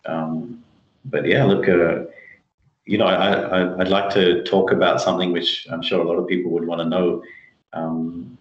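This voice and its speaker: Speaking with a deep, level voice at a moderate pace, the man, a tech CEO appearing as an interview guest, responds to questions emphatically yet conversationally. The video call audio comes through muffled and roomy.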